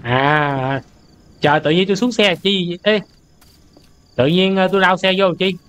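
A man's voice: sits high, moderate pace, slight background noise. Jumpy young male game streamer. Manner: jumpy, loud startled outbursts, reads in-game English aloud and translates. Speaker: gaming streamer. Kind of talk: let's play commentary.

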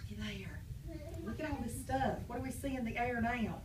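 A woman's voice: fairly high pitch, a little fast. A woman with a Southern US accent teaching young children through a picture-book read-aloud, earnest and upbeat, prompting them with questions and echoing their answers. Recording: echoey room, distant mic, faint noise.

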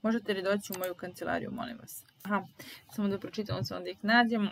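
A woman teaches German, sounding out each sentence slowly and repeating it so learners can follow. Her voice sits at a middle pitch, and the pace stays deliberate and patient. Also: steady tone, gravelly, a little hiss or hum, low-quality recording. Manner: slow, deliberate repetition of phrases. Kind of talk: language lesson, translating sentences aloud.

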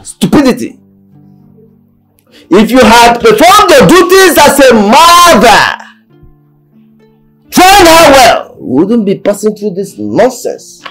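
A man's voice: extremely high pitch, wildly swooping pitch, takes it slowly, long pauses, fairly bright tone, faint music behind, exaggerated voice, rough recording. An actor with a Nigerian accent playing an angry father who scolds his wife, ranting and mocking, stumbling over repeated words. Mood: scolding.

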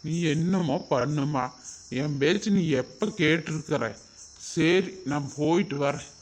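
A man's voice: fairly high pitch, a little slow, natural voice. A man playing a grown son who pleads with his mother to come home, frustrated by gossip at work and in town. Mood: resigned. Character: worried grown son, office worker. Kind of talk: village family drama acting.

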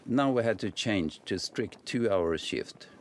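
In a voice-over set to music, with slight background noise, a middle-aged native Swedish speaker from the Swedish mountains, a sailor and vlogger, reads a travel story in English with a Swedish accent. His fairly low voice is expressive and unhurried.

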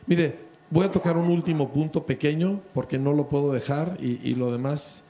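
A man's voice: fairly high pitch, fairly even intonation, moderate pace, warm tone. A Mexican man in his sixties preaching a sermon at a pastors' conference, speaking conversationally and often asking listeners whether they follow. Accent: Mexican Spanish. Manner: conversational preaching, asks the crowd for agreement. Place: church conference stage.

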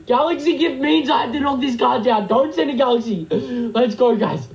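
A man's voice: very high-pitched, moderate pace, gravelly, a little mellow, dull audio. A young man doing a comedic livestream skit, frantic and pleading, repeating himself over and over. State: nervous, shaky hands.

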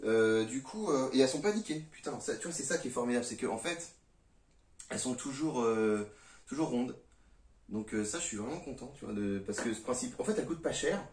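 A man with a mid-range, slightly mellow voice talks in an animated, fairly quick way as he casually reviews a gun for his viewers, rambling and swearing a lot while shooting outdoors. A phone a few meters away picks him up, so the sound is distant and echoey.

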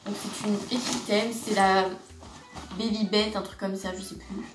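A teenage girl talks in a chatty, gushing way, full of fillers and restarts, as she shows off her things in a casual vlog. Her voice sits at a middle pitch. It is picked up by a camera across her bedroom, so it sounds roomy and a bit distant. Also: level tone, unhurried, faint music behind. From France. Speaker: vlogger. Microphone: camera across the room.

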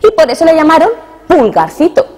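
A young adult woman telling a fairy tale to children, expressive and asking them questions as she goes. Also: high voice, fairly quick, soft background music. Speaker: storyteller.

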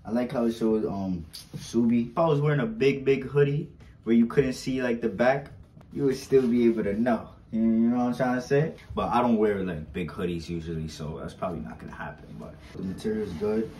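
A man's voice: fairly low pitch, brisk, dark tone. A young man, chatting casually through an unboxing vlog, slangy and repetitive, recorded by a fixed camera a few steps away in a small indoor room. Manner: chatty, slangy, repeats himself, pleads for likes. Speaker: vlogger. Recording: roomy, distant camera sound.

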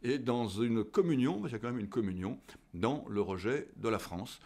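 A man in his sixties, a history teacher as a guest, answering at a measured pace with frequent fillers and restarts, recorded on a desk studio microphone in an office. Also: medium pitch, expressive, darkish tone. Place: indoor office with tall window.

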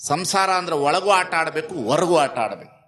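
A man giving a sermon as a spiritual teacher, dramatic and repetitive, swinging between soft and loud. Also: a little high, animated, normal speed.

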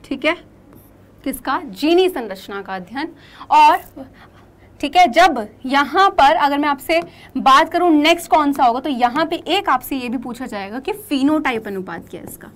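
A young woman with a very high voice teaches a class. She asks her students questions, answers them herself, and keeps repeating the key terms. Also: expressive, normal speed.

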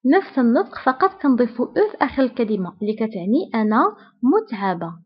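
A woman with a Moroccan Arabic accent teaching vocabulary in a breathy, fairly high voice. She says each example phrase slowly and repeats it, then explains briskly. The sound is dull and lo-fi. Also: sing-song. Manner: slow deliberate repetition of example phrases. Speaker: French teacher. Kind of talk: scripted language lesson. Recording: dull lo-fi recording.

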